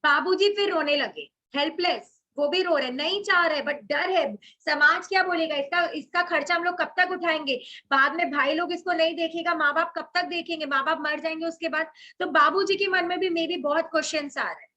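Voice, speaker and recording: A woman's voice: very high-pitched, moderate pace, hardly any pauses, bright, forceful tone, highs cut off. A woman teacher reading passages from a story aloud and explaining them line by line, mixing in English words. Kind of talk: explaining a Hindi literature chapter to students.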